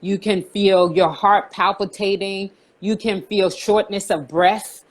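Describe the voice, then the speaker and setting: Calm explanatory woman counselor. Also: mid-range voice, slow. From Haiti. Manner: calm, explanatory, with frequent "um" and "you know". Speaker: guest counselor. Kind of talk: conversational interview explanation.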